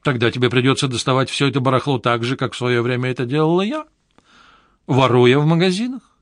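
A man's voice: mid-range voice, fast talker, no room sound, studio quality, natural voice. A man reading an audiobook, voicing a flamboyant, flirtatious woman from show business with a gushing, theatrical manner. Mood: bossy. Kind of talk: audiobook character voice.

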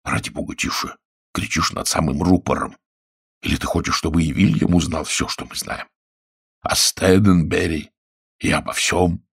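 Deep husky voice, half-whispered, conspiratorial bossy husband, a man playing him. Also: moderate pace. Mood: secretive. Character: stout scheming husband, secretive and bossy.

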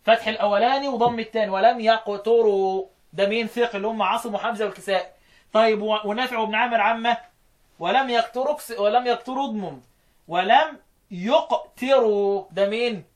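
A man with an Egyptian accent teaching Quran recitation, chanting verse lines slowly and then explaining them quickly while quizzing his students. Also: sits high, fairly even intonation. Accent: Egyptian Arabic.

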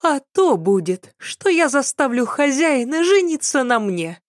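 A woman voicing a scheming young maidservant in an audiobook, with a nasal voice and sharp, quarrelsome retorts. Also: high-pitched, very animated, measured pace, no echo, studio quality, pitched above the performer's own voice. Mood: indignant.

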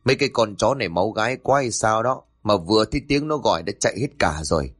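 A man's voice: lowish voice, expressive, quick pace. A man voicing a crude young male thug in a spoken horror story, sneering.

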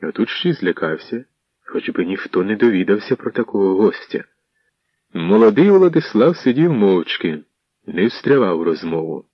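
A man narrating a historical novel as an audiobook in a measured storytelling manner. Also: fairly low pitch, big pitch swings, breathy edge, no echo. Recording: dull muffled dry audio.

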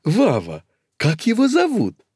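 A man doing a loud coquettish old lady. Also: high-pitched, huge pitch swings, a little slow, husky, no room sound, studio quality, voice pushed up, exaggerated voice.

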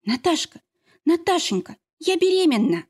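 A woman voicing a young pregnant woman, joyful and tearful, in a high excited voice. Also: moderate pace.

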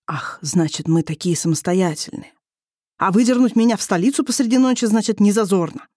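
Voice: mid-range voice, brisk, warm tone, no room sound, studio quality, pitched above the performer's own voice, natural voice. A reader voicing an angry, proud young husband who snaps and growls indignantly. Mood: sarcastic angry.

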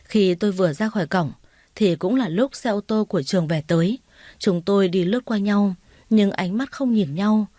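A woman reads a first-person story aloud, steady and reflective, with a quiet hurt in the telling. Her voice sits at a middle pitch and is recorded close and dry, with no room echo. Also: normal speed. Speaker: narrator.

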